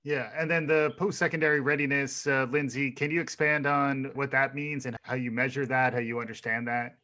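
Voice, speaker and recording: A man's voice: mid-range voice, fairly even intonation, fairly quick, sharp tone. A man hosting a podcast interview, giving his guests affirming cues and asking short questions. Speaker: podcast host.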